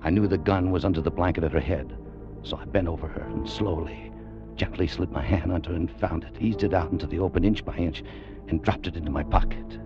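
Tense and guarded, the narrator of this 1940s-50s adventure radio drama is an American actor voicing a hard-boiled gold hunter in the first person, clipped and colloquial. His male voice sits low and moves fairly quickly. The old recording sounds muffled, with music underneath.

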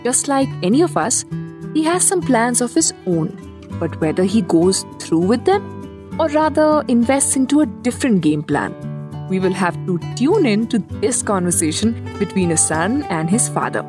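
A woman's voice: on the high side, big pitch swings, normal speed, music in the background. A woman with a North Indian accent hosting and narrating a scripted story, chattily addressing the listener. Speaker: host and narrator.

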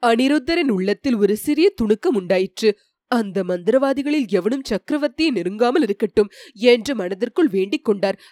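A woman narrating a historical novel as an audiobook, in a formal, expressive storytelling manner. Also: on the high side, fairly quick, no echo, clean studio sound.

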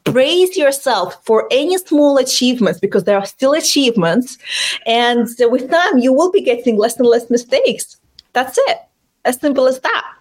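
A woman from Russia, a communication coach, speaking in a casual interview, animated and quick to laugh, sometimes restarting words. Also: high-pitched. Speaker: communication coach, podcast guest.

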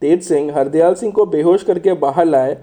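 Male audiobook narrator, high register, mellow tone, scripted storytelling. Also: normal speed.

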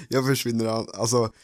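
A man co-hosting a casual podcast chat, relaxed and self-deprecating, laughing easily. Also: mid-range voice. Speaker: podcast co-host.

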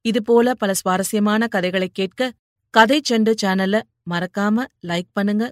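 A woman narrating a novel in an even, measured reading voice. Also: medium pitch, dry recording, studio quality. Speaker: audiobook narrator.

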